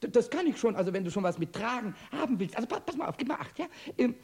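A woman's voice: on the high side, sing-song, fast talker, a little mellow, slightly rough, full character voice. A woman voicing a lazy, playful little male kobold in a children's radio play, stammering and rhyming nonsense words. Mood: cheeky.

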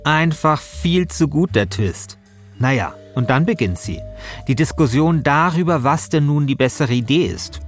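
A podcast host narrates a scripted first-person story in a wry, dramatizing way, with music playing behind him. His voice is a little high and animated, and he keeps a measured pace.

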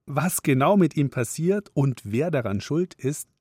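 A man's voice: fairly high pitch, animated, a little slow, a little mellow, slightly rough, no room sound, clean studio sound. A man hosting a children's radio show, talking directly to the kids in a friendly way. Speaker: host.

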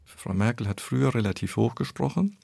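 Man, low gravelly voice, husky edge, measured analytical expert explanation, dry close sound. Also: animated, dark tone, no echo. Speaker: speech effect researcher.

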